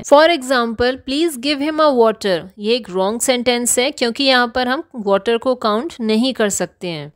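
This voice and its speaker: A woman with a slightly high voice narrates a grammar lesson in a measured, scripted way. She slows down deliberately on each English example sentence. The recording is close and dry, with no room echo.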